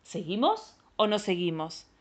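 A woman voicing three brave little children in a storybook reading, chanting their lines loud and proud. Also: mid-range voice, big pitch swings, unhurried, slightly rough. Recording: dull lo-fi recording.

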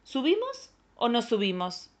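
A woman's voice: fairly high pitch, huge pitch swings, unhurried, voice pushed up, heavily acted. A woman doing three boastful brave little kids. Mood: proud. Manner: chanted in unison, loud and proud. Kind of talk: storybook reading. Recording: dull lo-fi recording.

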